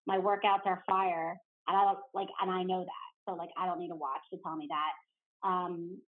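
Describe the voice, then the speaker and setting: A woman's voice: lowish voice, level tone, normal speed. A woman from New Jersey, a podcast guest chatting casually, talking freely with lots of "like" fillers. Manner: chatty, fills speech with "like". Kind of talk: casual interview chat. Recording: tinny phone-like line.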